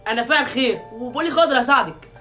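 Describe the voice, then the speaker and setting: Woman doing a low, fast-talking Egyptian benefactor. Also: fairly bright tone, faint music behind. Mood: coaxing. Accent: Egyptian Arabic. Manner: persuasive, fast, pitched low. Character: smooth-talking male benefactor, boss of a big organization.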